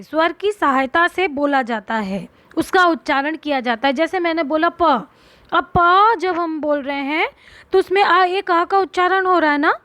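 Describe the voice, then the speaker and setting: A woman teaches young children a grammar lesson at an unhurried pace. Her voice sits high, and she draws out single letters and words as she asks questions and answers them herself. The recording is dry, with no room sound. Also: a bit bright, dry recording. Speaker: primary school teacher.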